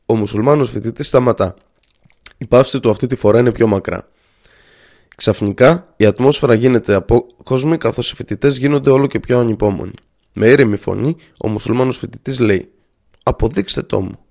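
A man narrating a story aloud in a measured, earnest way. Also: medium pitch, creaky, a little mellow.

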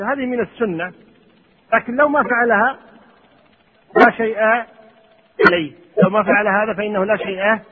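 A man's voice: sits high, breathy edge. A man teaching Islamic law, reading lines from a text and explaining them with questions to his students. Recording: tinny phone-like audio with long hall reverb.

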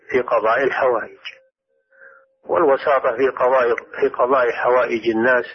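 A man, a scholar, calmly answering listeners' religious questions on a radio program. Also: mid-range voice. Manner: calm, explanatory. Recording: dull radio recording.

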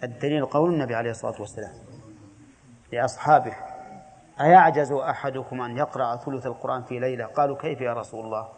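A man's voice: mid-range voice, racing, darkish tone, long reverb tail. A man teaching a classroom religious lesson on a creed text. He explains step by step, puts questions to his students and answers them himself.

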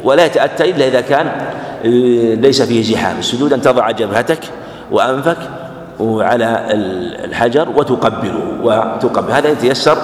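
A man giving a religious lesson, speaking in a measured way and repeating phrases for emphasis. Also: mid-range voice, a little hiss or hum. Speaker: Islamic scholar teaching a hadith class. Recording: echoey hall with faint ambience.

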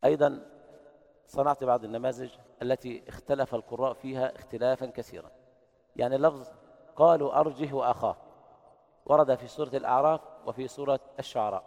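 A man teaching Quran recitation readings in an explanatory lesson, who breaks into slow, melodic chanting to demonstrate each reading. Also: medium pitch, fairly even intonation, a little mellow, big-room sound.

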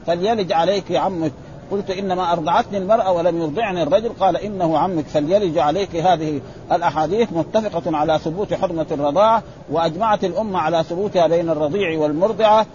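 A man's voice: high-pitched, a little mellow, a little hiss or hum. A man teaching a lesson, reading classical texts and explaining them in colloquial asides, with frequent "ha" fillers and self-corrections. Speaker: religious teacher. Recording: slightly dull lo-fi recording.

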